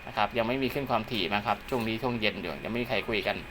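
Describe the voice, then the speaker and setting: At home in a room by a window, an amateur radio hobbyist vlogger narrates a casual hands-on demo of his radio equipment, with background noise audible. He talks rapid-fire in a fairly low voice, yet steadily and politely, ending nearly every phrase with a polite particle.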